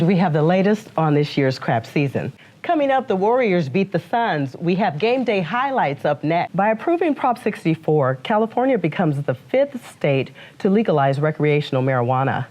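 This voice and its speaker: A woman's voice: on the low side, darkish tone. An American woman reporting scripted TV news as an anchor and correspondent.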